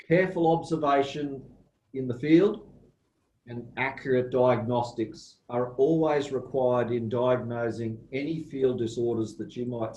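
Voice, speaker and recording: A man with an Australian accent giving a slow, measured guest lecture over a video call, pausing often with ums. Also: medium pitch, a little mellow, roomy sound, poor audio. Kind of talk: online academic lecture.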